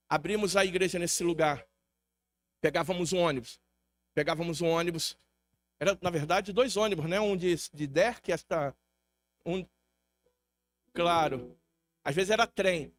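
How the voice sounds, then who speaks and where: Um pastor brasileiro pregando um testemunho em estilo de sermão numa igreja, contando a história com vivacidade e imitando as vozes de outras pessoas. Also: male voice, high voice. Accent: Brazilian Portuguese. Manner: lively storytelling, acts out quoted voices. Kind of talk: sermon testimony. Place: church hall.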